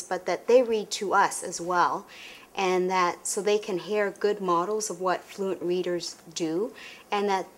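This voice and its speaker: A woman in her thirties, a mother, giving a clear explanation of how she reads with children. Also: lowish voice, a little hiss or hum. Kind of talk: explanatory talk about reading with children.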